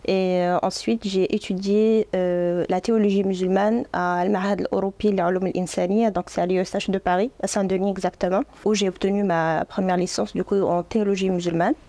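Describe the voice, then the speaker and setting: An Arabic teacher from Morocco, a woman in her thirties whose first language is Arabic, replies to interview questions earnestly and gently at a measured pace. She speaks at a medium pitch in a level tone, with no room sound.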